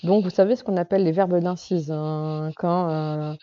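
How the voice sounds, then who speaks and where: A woman's voice: on the low side, fairly even intonation, moderate pace, dark tone, highs cut off. A woman novelist giving a casual talk on writing craft to a group, hesitant and full of fillers and restarts. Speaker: novelist speaking to a workshop group.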